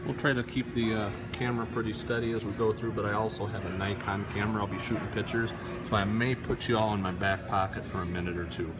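A man's voice: fairly low pitch, fairly even intonation, fast, very noisy. A man, chatting casually and laughing as he live-streams himself walking through an indoor brewery museum on a phone. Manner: chatty, folksy, laughs often. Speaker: livestreaming visitor on a tour. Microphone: phone held by the streamer.

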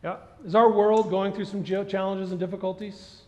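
A middle-aged man preaching a sermon on a church stage, animated and asking the congregation questions. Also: high voice, moderate pace. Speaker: pastor. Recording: dull sound with long hall reverb.

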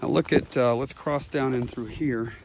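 A man's voice: medium pitch, fairly even intonation, moderate pace, creaky. A man giving an unscripted walk-along narration for a video, recorded on a handheld phone outdoors on a mountaintop. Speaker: video host. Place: outdoors on a windy rocky mountaintop. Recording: very loud wind noise on phone microphone.

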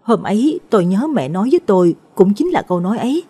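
An anxious young mother pleads with an exorcist in a spooky audio tale, voiced by a woman storyteller. Her voice is mellow and breathy, rising and falling with worry. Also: medium pitch, big pitch swings, fast, pitched above the performer's own voice. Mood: worried. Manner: worried, pleading.

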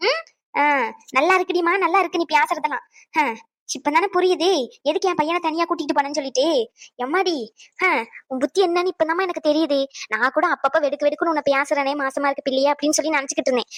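A woman's voice: very high voice, quick pace, a bit bright, no echo, clean studio sound. A woman voicing an older mother-in-law in a cartoon family drama, wailing and accusing.

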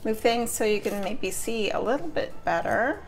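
A middle-aged woman with a somewhat high-pitched voice chats casually through a home recipe demonstration. She is indoors in a kitchen, talking to the camera over soft background music. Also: expressive, normal speed. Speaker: home cooking vlogger.

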